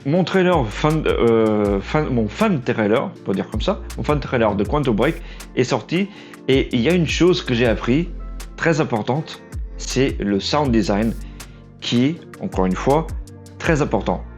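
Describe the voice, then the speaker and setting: Speaking French as a second language with a Portuguese accent, a young vlog host who wants to edit trailers rambles unscripted in a mid-range voice with lively intonation. He halts, stumbles and restarts often, pokes fun at himself, and is losing his voice. Faint music plays behind him.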